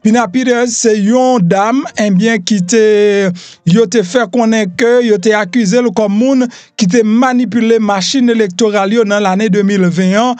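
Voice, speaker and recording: A man's voice: high-pitched, moderate pace, a little mellow, no echo. A Haitian man hosting a news rundown, reading headlines loosely with frequent fillers. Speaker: news host.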